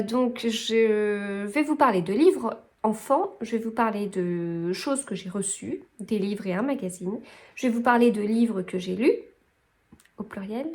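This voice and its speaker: A woman's voice: on the high side, a little mellow. A woman chatting casually about books as a vlogger, rambling and correcting herself as she goes. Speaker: book vlogger. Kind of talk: casual book chat.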